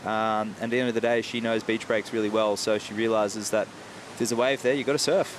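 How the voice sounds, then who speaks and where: A man's voice: level tone, quick pace. Male surf coach over noisy ambience. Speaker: surf coach and guest commentator. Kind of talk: conversational sports analysis. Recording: clear outdoor hiss and rumble behind.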